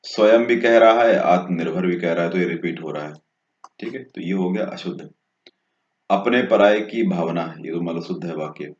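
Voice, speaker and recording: A man's voice: low voice, moderate pace, darkish tone. A man working through exam questions as a tutor, going step by step and often checking in with a short "okay". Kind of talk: exam answer walkthrough. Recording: dull, echoey room sound.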